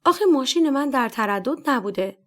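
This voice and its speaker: Woman voicing a servile middle-aged man, pleading, flattering, anxious, fairly high voice, audiobook.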